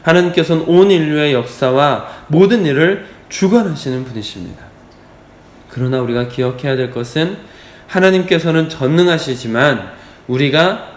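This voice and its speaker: A pastor preaching an emphatic, repetitive sermon at a dawn prayer service in a church. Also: male voice, fairly high pitch, a little hiss or hum. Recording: echoey church hall.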